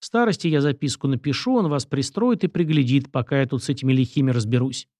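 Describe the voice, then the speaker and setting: A man's voice: mid-range voice, fast, a little mellow, no echo, natural voice. Young prince guy, firm and bossy, dry close sound, read by a man. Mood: commanding. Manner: firm, commanding. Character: young male prince and school founder, firm and decisive.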